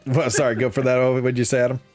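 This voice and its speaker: A man's voice: medium pitch, little pitch movement, rapid-fire, darkish tone, faint music behind. Chatty man hosting a casual podcast. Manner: laughs often, rambling with fillers. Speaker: podcast host. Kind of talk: casual chat reading chat comments.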